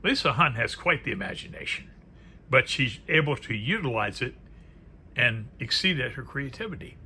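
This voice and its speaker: This man's mid-range voice swings widely in pitch and sounds pushed and bright, at a normal speed. He presents a tarot deck with casual, unscripted commentary, musing aloud and trailing off into murmured asides, with faint noise in the background.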